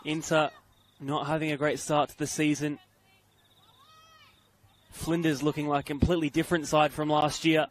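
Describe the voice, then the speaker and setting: A man giving live, excitable football play-by-play commentary. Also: a little high, moderate pace, pauses often.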